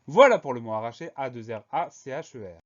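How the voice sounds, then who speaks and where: A male teacher talks through a spelling lesson in a medium-pitched voice, steady and methodical, spelling each word letter by letter. The recording is slightly dull and lo-fi. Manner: slow, clear, methodical dictation.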